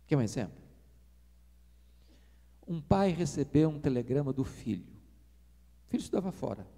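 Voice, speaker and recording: A middle-aged Brazilian man preaching a storytelling sermon, animated and acting out dialogue. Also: on the high side, moderate pace. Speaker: pastor. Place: church or retreat hall. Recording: reverberant hall.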